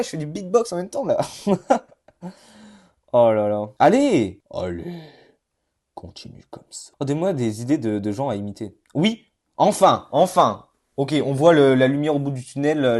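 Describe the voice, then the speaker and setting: A man giving casual let's-play commentary as a gaming YouTuber, rambling and excitable, bursting into yells. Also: mid-range voice.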